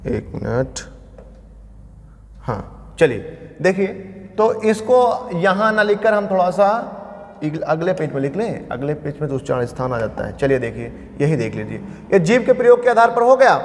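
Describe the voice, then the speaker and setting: Male grammar teacher, high voice, quizzes his class and answers himself, reverberant room. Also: sing-song, normal speed. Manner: asks questions and answers them himself, repeating key terms. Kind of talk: classroom lecture.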